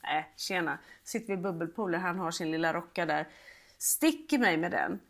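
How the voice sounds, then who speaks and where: A woman co-hosting a casual chat over a video call, telling lively stories and quoting others. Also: fairly low pitch, gravelly. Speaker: podcast co-host, mother.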